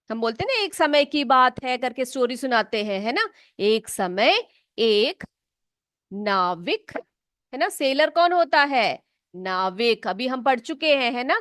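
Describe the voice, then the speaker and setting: A woman teacher from North India, explaining English words and spelling them out slowly, often checking whether the pupils follow. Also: on the high side, fairly bright tone, no echo, studio quality. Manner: slow, drawn-out spelling and frequent check-ins with pupils. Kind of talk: classroom English vocabulary lesson.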